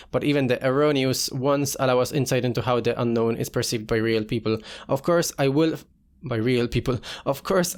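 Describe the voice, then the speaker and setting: A man giving casual gameplay commentary as a let's player, talking himself through the game and reading in-game text aloud. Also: medium pitch.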